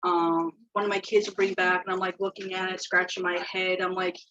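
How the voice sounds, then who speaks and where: A woman's voice: fairly low pitch, monotone, brisk, a bit bright, muffled recording. A woman giving an informal spoken eulogy at a memorial gathering, chatty, acting out quoted dialogue, laughing often. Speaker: family friend giving a remembrance.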